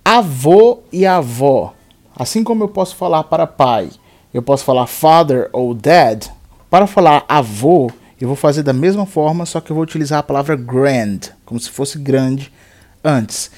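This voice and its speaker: A man with a Brazilian Portuguese accent teaching English vocabulary, slowly repeating each word for the learner to echo. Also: a little high, animated, a little mellow. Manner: slow, deliberate drilling of words and phrases. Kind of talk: language lesson with repeat-after-me drills.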